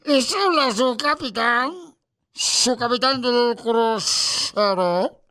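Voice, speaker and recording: A man's voice: very high voice, slow, bright, forceful tone, heavily acted. A man playing Casimiro, a goofy male joke teller on a radio comedy show, who rambles, repeats himself and makes sound effects. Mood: joking.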